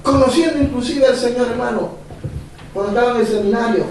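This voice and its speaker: A man's voice: very high-pitched, fast talker, distant mic, a little hiss or hum. Man preaching in an echoey church. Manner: animated, repetitive, laughing as he preaches. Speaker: pastor. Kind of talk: sermon. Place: church hall.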